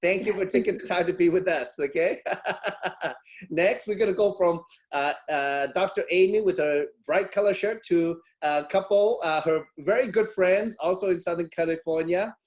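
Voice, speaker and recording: This middle-aged man hosts a webinar over a video call, his voice sitting a touch high for a man. He talks in a loose, chatty way, stopping and restarting often between fillers. Originally from Hong Kong. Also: moderate pace. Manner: chatty, many fillers and restarts, frequent laughs. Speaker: webinar host. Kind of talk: casual online webinar hosting.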